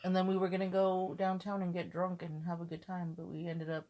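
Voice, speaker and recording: A woman's voice: on the low side, level tone, a little fast, warm tone. A woman podcast co-host chatting casually in a candid, joking way, with some swearing. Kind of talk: casual chat.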